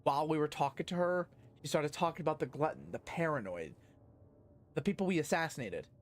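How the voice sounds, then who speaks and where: A man hosting a gaming channel, recapping his playthrough in a rambling, profane, excitable way with plenty of fillers. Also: on the high side, a little fast. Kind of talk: casual game recap.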